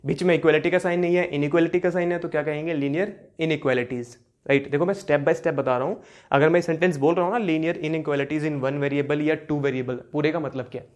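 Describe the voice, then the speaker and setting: A young man gives a maths lecture in a fairly high voice for a man. He keeps quizzing his students and answering the questions himself. When he reads out expressions, he slows down and spells them out step by step. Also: fairly even intonation, a little mellow. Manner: repeats key terms with quiz-like questions, slowing to spell out expressions. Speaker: maths teacher. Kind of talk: classroom lecture.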